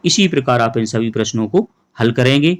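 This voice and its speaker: A man's voice: mid-range voice, animated, normal speed, slight background noise. A male teacher going through a workbook lesson for young pupils, explaining each answer patiently and step by step while addressing the children.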